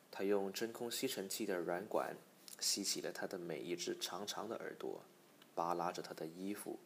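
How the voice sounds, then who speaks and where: A man narrating a storybook in a measured, even manner. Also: low voice, gravelly, slight background noise. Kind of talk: audiobook storytelling.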